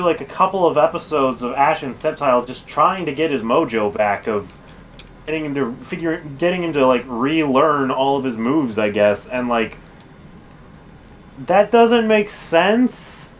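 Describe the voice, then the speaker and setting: A man's voice: mid-range voice, moderate pace, a bit bright, a little hiss or hum. A man streaming a game, chatting casually and rambling with lots of fillers and self-corrections. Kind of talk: casual chat while gaming.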